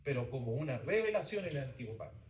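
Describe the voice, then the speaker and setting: A man's voice: mid-range voice, sing-song, fast talker, distant mic. Man teaching a theology class, echoey room. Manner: speaks in short phrases, repeats key points, asks the class to confirm. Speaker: Bible teacher. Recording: roomy echo, voice from off-mic, faint background noise.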